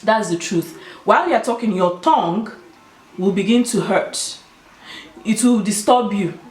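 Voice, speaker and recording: A woman's voice: medium pitch, expressive, a little slow, a little mellow. A woman with a Nigerian Igbo accent talking casually and emphatically to her viewers, giving her opinions. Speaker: video host. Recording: roomy, echoing sound.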